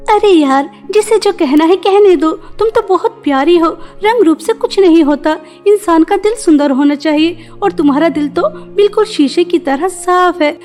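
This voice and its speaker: A woman's voice: very high voice, moderate pace, hardly any pauses, a little mellow, soft background music. A woman doing a spirited, loyal cartoon girl. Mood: coaxing. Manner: earnest, firm. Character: loyal, spirited young woman defending her sister.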